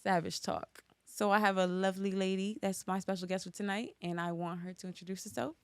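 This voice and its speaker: A woman from Norwalk, Connecticut, hosts a casual podcast chat, rambling loosely and saying "like" a lot. Her medium-pitched voice is steady, clear and resonant, a little fast, with no room sound.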